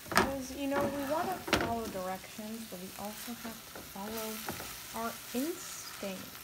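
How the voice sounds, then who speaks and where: A woman's voice: on the high side, unhurried. Chatty young woman in a noisy kitchen. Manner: chatty, playful, rambling asides. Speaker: cooking vlogger. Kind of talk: casual cooking chat. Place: home kitchen. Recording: noisy kitchen with sizzling pan.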